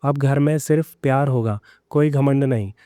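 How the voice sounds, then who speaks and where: A man voicing a quiet older father-in-law who speaks firmly and sternly. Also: mid-range voice, normal speed, dry recording, studio quality, lightly acted. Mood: kindly.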